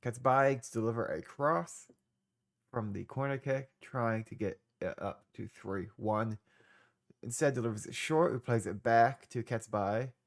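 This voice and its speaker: A young man with a congested voice streams a football management game, casually commenting on his play with laid-back, trailing asides. His voice is mid-range and a little slow.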